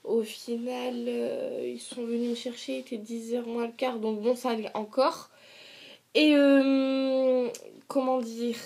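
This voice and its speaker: A young woman chatting casually to camera as a vlogger, retelling her story in colloquial language with sarcastic asides and acted-out dialogue. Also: on the high side.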